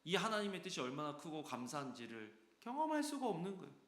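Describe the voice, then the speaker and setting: A man preaching a sermon as pastor, lively and acting out quoted voices with sudden swings between loud and soft. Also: fairly high pitch, fast. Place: church sanctuary. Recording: echoey church hall.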